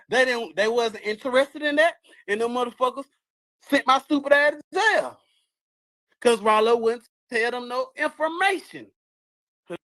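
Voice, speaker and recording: Man with a high voice, furious and venting, profane and repetitive, loud then low. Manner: heated, profane, repetitive, jumps between shouting and muttering. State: angry. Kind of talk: angry rant.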